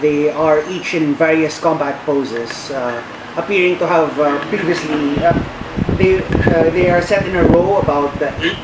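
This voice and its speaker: A man with a slightly high voice narrates a tabletop game as game master. He speaks haltingly, feeling for each phrase. The recording is roomy and distant, with heavy noise behind him. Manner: halting, hesitant, searching for words. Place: echoey room. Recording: roomy, distant mic, loud background hum.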